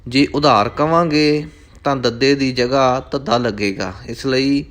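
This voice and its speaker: A man with a Punjabi accent reciting scripture line by line in a slow, measured chant and breaking off to explain correct pronunciation. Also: mid-range voice, a bit bright. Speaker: Sikh scripture recitation teacher.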